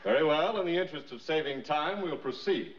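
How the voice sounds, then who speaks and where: An actor playing a pompous district attorney in an old courtroom film, formal, sarcastic and declamatory. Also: male voice, on the high side, expressive, a little fast, natural voice. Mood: sarcastic, pressing. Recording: distant, muffled old film sound, faint noise.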